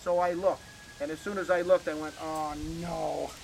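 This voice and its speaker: A man's voice: on the high side, fairly even intonation, normal speed, creaky, noisy background. A man telling folksy stories to visitors while giving an outdoor tour of his animal ranch, chatty and full of "okay?" asides. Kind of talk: casual storytelling to visitors. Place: outdoors on a ranch near a barn.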